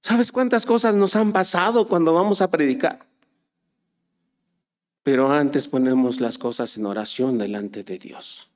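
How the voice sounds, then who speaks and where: A man preaching a sermon, swinging from soft low asides to loud, urgent exhortation. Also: unhurried.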